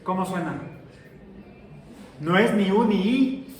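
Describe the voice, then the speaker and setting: A middle-aged man teaches a science class, joking around and quizzing his students as he goes. His voice sits high and he speaks slowly, heard from a distance in an echoey classroom with faint noise.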